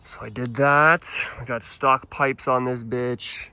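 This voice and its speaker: A young Canadian man with a Canadian accent rambles and swears casually while circling his motorcycle for a vlog, holding his phone as he talks. His medium-pitched voice is bright and forceful, fairly even in intonation and slow, and he keeps restarting his sentences. The recording is smooth and dry.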